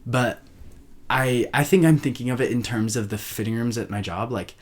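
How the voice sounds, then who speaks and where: A man's voice: medium pitch, moderate pace. A young man hosting a solo podcast, rambling casually and interrupting himself as he chats. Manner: rambling, self-interrupting, chatty. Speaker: podcast host.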